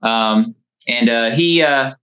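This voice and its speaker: Over a dull, narrow-band phone connection, a bright-voiced man in his thirties speaks slowly at a medium pitch. He owns a lawn care business and, as a podcast guest, tells stories loosely and casually, peppering them with "you know."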